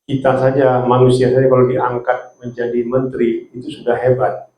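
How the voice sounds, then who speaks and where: A man preaching a sermon, often ending his phrases with a soft "ya". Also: mid-range voice, monotone, moderate pace, echoey room, highs cut off. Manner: repetitive, ends phrases with "ya".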